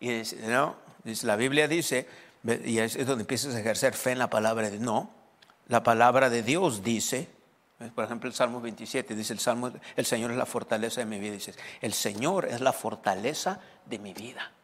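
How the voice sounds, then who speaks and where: A man's voice: medium pitch, steady tone, fairly quick, a bit bright, big-room sound. A male pastor preaching a sermon to his congregation, asking them questions and repeating key phrases for emphasis. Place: church hall.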